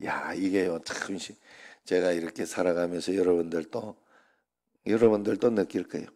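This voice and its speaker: Middle-aged man, pastor, dark gravelly voice, loose joking sermon delivery. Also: sits low, steady tone, moderate pace. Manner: chatty, joking, rambling anecdotes. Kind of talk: informal sermon.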